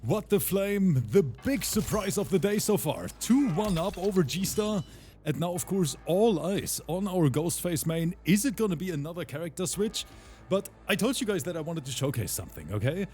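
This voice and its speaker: A man hosting and commentating a fighting game tournament, excitable and hyped, reading out chat between calls. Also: high-pitched, moderate pace. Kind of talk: esports play-by-play commentary.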